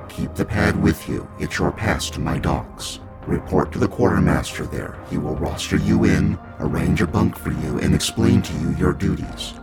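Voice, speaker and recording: A menacing immortal starship pilot, as a man reads him out, with a very deep, gravelly voice. He speaks slowly and in a hushed half-whisper, as loud music plays under him. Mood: curt. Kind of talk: audiobook character reading.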